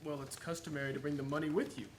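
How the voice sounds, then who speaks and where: A man's voice: a little high, flat delivery, very fast, slight background noise, close to an everyday voice. A man playing a polite, matter-of-fact bank teller in a radio play. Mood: polite puzzlement.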